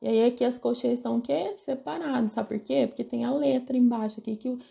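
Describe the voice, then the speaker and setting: A woman's voice: on the high side, fast, gravelly, mellow. A woman with a Brazilian Portuguese accent teaching music theory from a book, explaining patiently and checking in often with her listeners. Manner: explains patiently, pointing at the page with many check-ins.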